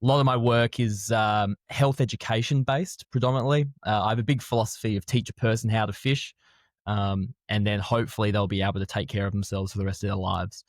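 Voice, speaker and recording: A young adult man from Australia with an Australian accent, explaining his work as a podcast guest in a measured way. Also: on the low side, fairly even intonation, dry recording. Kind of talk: podcast interview.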